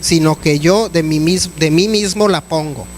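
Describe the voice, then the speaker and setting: A man's voice: on the high side, measured pace, a little hiss or hum, rough recording. A man preaching a sermon as pastor, in a conversational way with many restarts and fillers.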